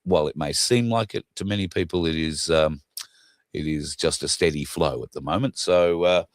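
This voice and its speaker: A man's voice: a bass voice, moderate pace, no echo, clean studio sound. A wheezy man with a chesty cough, chatting casually and ramblingly as host of a livestream. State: chesty cough, getting over flu. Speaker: show host.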